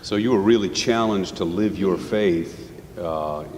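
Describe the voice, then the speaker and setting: A man's voice: unhurried, darkish tone. A man hosting the interview, asking questions and giving short, encouraging prompts. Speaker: interviewer, host. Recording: roomy hall with faint rumble.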